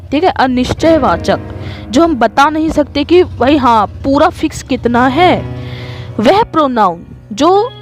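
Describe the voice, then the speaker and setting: A woman teaching an online English grammar lesson in Hindi. She reads each example sentence slowly, explains it, and keeps checking in with the class. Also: high voice.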